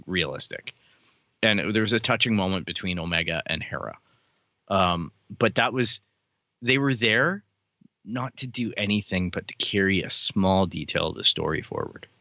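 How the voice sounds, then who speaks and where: A man's voice: low-pitched, animated, moderate pace, sharp tone, no room sound. A man co-hosting a podcast, chatting casually and enthusiastically as a fan, swearing now and then. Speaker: podcast co-host. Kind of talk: casual chat.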